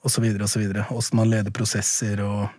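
A school principal being interviewed about his book, speaking thoughtfully with frequent pauses and fillers. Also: on the low side, flat delivery, a little mellow, no echo, studio quality. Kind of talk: podcast interview.

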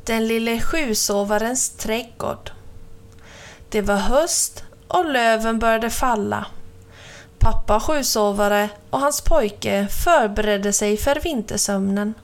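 A woman reading children's stories aloud with a gentle, lilting delivery. Her voice sits fairly high and carries a soft storybook warmth.

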